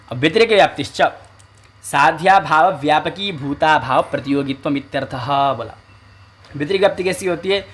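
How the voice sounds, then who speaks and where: A man teaching a lecture on classical logic, posing questions and answering them himself, and chanting verses slowly. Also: a little high, fairly bright tone. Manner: slow chanting recitation of Sanskrit verses. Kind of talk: explanatory lecture.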